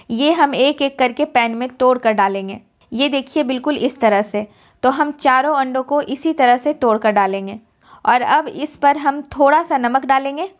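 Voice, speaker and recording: A woman giving a calm, step-by-step cooking voice-over as host of a recipe channel. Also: high voice. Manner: calm, instructive, explains each step.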